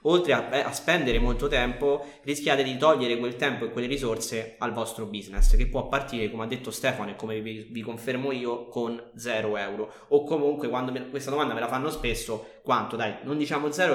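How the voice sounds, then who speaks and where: A man's voice: medium pitch, steady tone, a little fast, hardly any pauses, fairly bright tone. A man co-hosting a podcast in casual chat, talking emphatically as he gestures. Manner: emphatic, gesticulating while talking. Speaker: podcast co-host. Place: room in a home. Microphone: podcast microphone at a table. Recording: roomy, echoey home recording.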